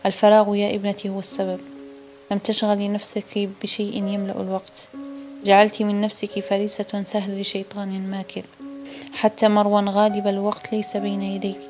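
Woman reading as a calm, wise older matron. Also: medium pitch, soft background music, natural voice. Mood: firm. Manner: calm, measured advice.

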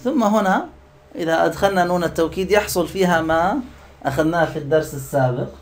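Higher-voiced male teacher drilling a class. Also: echoey room. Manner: drills the class, repeating words slowly and asking questions. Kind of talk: classroom lesson.

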